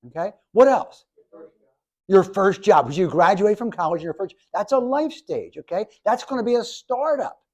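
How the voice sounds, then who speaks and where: A man in his seventies, a professor giving a lively, jokey classroom lecture to students, with many restarts. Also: high-pitched, moderate pace. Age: 70s. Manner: animated, jokey, talks to the audience, restarts often. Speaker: professor and speaker.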